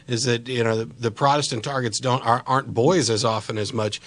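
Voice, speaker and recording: A man's voice: mid-range voice, steady tone, a little fast, a bit bright. A man hosting a live call-in debate, speaking in a blunt, insistent and argumentative way. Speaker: call-in show host.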